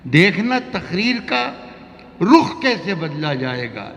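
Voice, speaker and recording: A man reciting romantic shayari as ghazal couplets, declaiming dramatically with drawn-out, repeated lines that swell high and loud. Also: very animated. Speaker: Urdu poet reciting at a mushaira. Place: poetry gathering with audience, reverberant hall. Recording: muffled, noisy recording in a reverberant hall.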